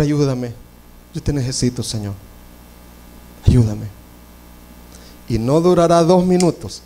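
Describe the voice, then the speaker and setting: A male pastor preaches in a slightly raised voice and at an unhurried pace. He swings from loud, high-pitched declarations to hushed, whispered prayers, and he puts on a higher voice for the people he quotes. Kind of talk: sermon.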